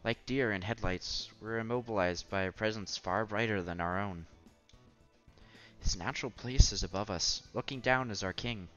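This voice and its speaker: A man's voice: lowish voice, moderate pace, a bit bright. A man reading a visual novel aloud, narrating and adding wry comments of his own. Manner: wry asides between narration. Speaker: let's play narrator. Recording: slightly dull with music behind.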